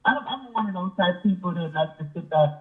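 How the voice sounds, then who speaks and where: A woman's voice: fairly low pitch, animated, fast. A woman calling in to a talk show. She speaks hesitantly over a muffled phone line that sounds like she is underwater. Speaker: caller to a call-in show. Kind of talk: casual call-in conversation.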